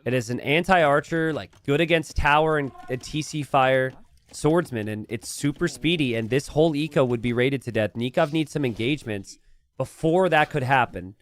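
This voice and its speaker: A man giving live esports commentary on a strategy game as a caster, drawing out key phrases for emphasis. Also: medium pitch. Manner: esports caster delivery, stressing key phrases with drawn-out words.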